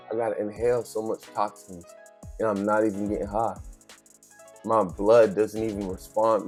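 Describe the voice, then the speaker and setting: With a lowish, slightly mellow voice, this vlogger in his thirties gives an off-the-cuff motivational talk. He leans on street slang, speaks forcefully to the listener, and hammers points home through repetition.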